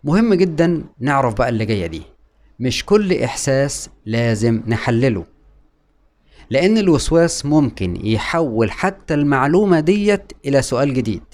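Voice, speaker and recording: A man with an Egyptian Arabic accent, giving a calm explanatory talk to camera as a mental health educator, often repeating key points and asking and answering his own questions. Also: medium pitch, fairly quick.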